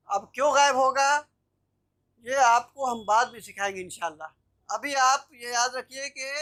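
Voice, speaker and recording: A woman's voice: high-pitched, a bit bright. A woman teaching Arabic grammar in a live online class over a video call, explaining step by step and often checking that students follow. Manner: explanatory, checks understanding with "theek hai na".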